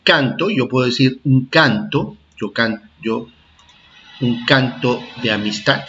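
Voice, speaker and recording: A man's voice: medium pitch, a bit bright, lo-fi sound, a little hiss or hum. A man teaching a primary school lesson, repeating his points and checking understanding as he goes. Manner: slow, repetitive, checks understanding with "¿ah?" and "¿de acuerdo?". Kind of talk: recorded classroom lesson for children.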